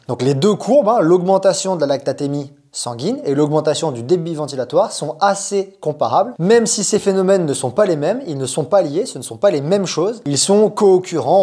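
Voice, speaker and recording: A man's voice: sits high, a little mellow. French man hosting a running podcast. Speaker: podcast host. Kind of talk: scripted explainer then interview.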